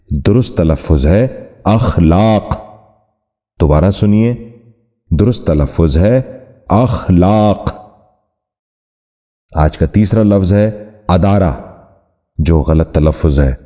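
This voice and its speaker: A man presenting an Urdu pronunciation lesson in a formal, courteous scripted narration, enunciating each word slowly and deliberately. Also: low-pitched, mellow.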